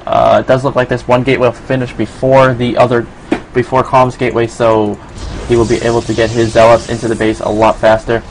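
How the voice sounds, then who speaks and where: Male caster, New York accent, mid-pitched, loose play-by-play with faint background hiss. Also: brisk, rough recording. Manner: relaxed, filler-heavy, casual. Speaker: esports commentator. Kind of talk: solo play-by-play commentary.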